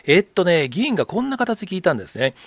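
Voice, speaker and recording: A man's voice: high voice, big pitch swings, fast talker, dry recording. A middle-aged man from Kobe explaining political news on a video channel, emphatic and full of rhetorical questions. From Kobe, Japan. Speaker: political commentator. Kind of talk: YouTube news commentary.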